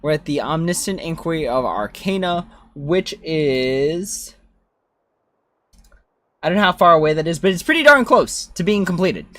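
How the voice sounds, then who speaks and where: Over video game music, a streamer offers casual livestream gameplay commentary, chatting and thinking out loud as they play. Their mid-range voice is animated and a bit bright, at normal speed, with no room sound.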